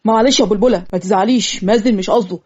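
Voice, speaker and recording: A woman's voice: medium pitch, racing, dark tone, husky, close to an everyday voice. Woman voicing a touchy young Egyptian cousin. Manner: earnest, easily offended. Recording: lo-fi muffled audio.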